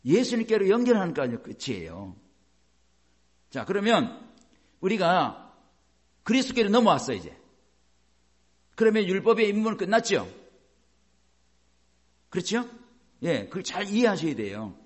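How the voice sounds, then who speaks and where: A man's voice: sits high, very animated, normal speed, pauses often, breathy edge. A man preaching a sermon as a pastor, explaining by asking the congregation questions and acting out quoted voices.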